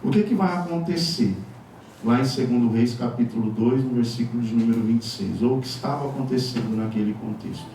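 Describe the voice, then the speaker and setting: Brazilian pastor preaching in an echoey hall. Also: male voice, mid-range voice, brisk, dark tone, a little hiss or hum. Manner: conversational preaching with wry asides and chuckles. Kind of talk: sermon. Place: church sanctuary. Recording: echoey church hall from far off.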